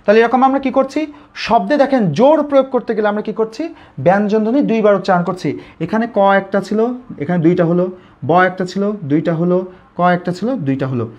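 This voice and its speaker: Speaking fairly quickly in a high, slightly mellow voice, this man teaches grammar in a live online session. He has a Bangladeshi Bengali accent and answers his own questions, heard through slightly dull lo-fi audio.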